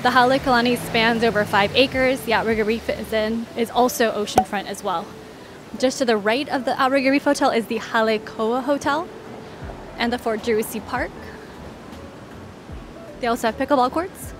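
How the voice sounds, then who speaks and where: Against a noisy background, a woman hosting a travel vlog narrates a walking tour at normal speed in a voice on the high side. A travel guide, she is casual, informative and conversational, pointing things out in an orderly fashion.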